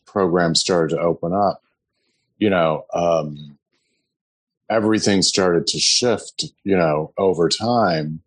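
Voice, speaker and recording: A man's voice: low-pitched, slow pace, no room sound. A man giving an earnest, hesitant personal testimony to his meditation group. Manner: earnest, hesitant, full of fillers. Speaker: sangha member giving testimony.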